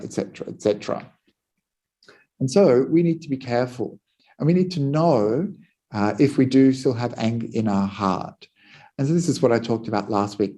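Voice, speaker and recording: A Buddhist monk giving a dharma talk, telling a teaching story in a calm way. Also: male voice, on the low side.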